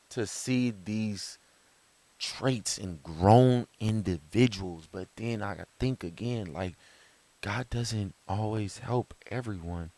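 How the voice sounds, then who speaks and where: A man talking to camera in a casual motivational monologue, rambling with restarts and chuckles, swinging from loud high bursts to soft low murmurs. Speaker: vlogger.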